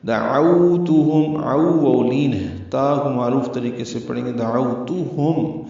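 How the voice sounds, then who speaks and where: A man teaching Quran recitation rules in a tajweed lesson, slowly and deliberately spelling out letter sounds. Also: mid-range voice, steady tone, gravelly, warm tone. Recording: very echoey, distant, dull lo-fi.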